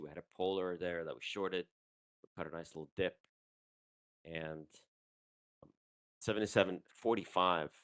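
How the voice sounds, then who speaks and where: A man's voice: low voice, no echo. A man hosting a live trading stream, talking casually through his trades with fillers and the odd swear, holding his mic in his hand. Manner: loose and conversational, with fillers and mild swearing. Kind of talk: casual live market commentary. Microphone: handheld microphone.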